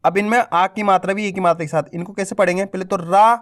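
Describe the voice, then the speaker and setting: A man's voice: high-pitched, steady tone, quick pace, a bit bright. A man teaching reading, saying each syllable and then blending the syllables into whole words. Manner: stretches long vowels to teach them. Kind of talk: slow word-by-word reading lesson.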